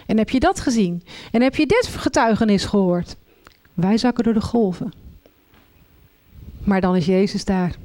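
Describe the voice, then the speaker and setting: A middle-aged woman preaching a sermon, telling Bible stories with lively voices for the figures. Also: fairly high pitch. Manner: animated storytelling, acts out voices in the reading.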